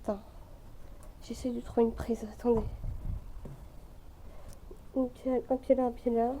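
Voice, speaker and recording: Young woman urbex vlogger, tense and hushed, slow and flat delivery, noisy handheld recording. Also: fairly high pitch. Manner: hushed, tense and hesitant, often half-whispering. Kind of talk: narrating while exploring. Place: abandoned château in a forest.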